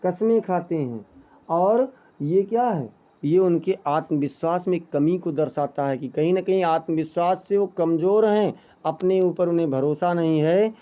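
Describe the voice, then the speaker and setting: A man's voice: on the high side, normal speed, lo-fi sound. A male teacher giving an exam-prep lesson who asks questions and answers them himself, speaking to his students as children. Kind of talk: exam-prep lesson explaining Hindi texts.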